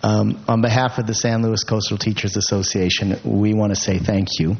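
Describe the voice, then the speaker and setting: A man representing a teachers association gives measured, hesitant thank-you remarks at a public meeting. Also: lowish voice, level tone. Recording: dull lo-fi meeting recording.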